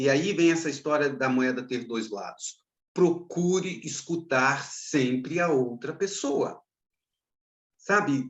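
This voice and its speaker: A man's voice: a little high, echoey room, lo-fi sound. A man giving a recorded lecture on pastoral counseling, teaching earnestly and repeating his key advice.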